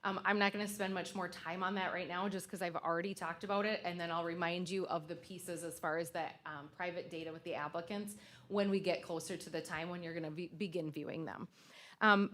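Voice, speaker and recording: A woman consultant speaks to a school board at a public meeting, her voice on the low side. Her delivery is loose and conversational, full of fillers and restarts.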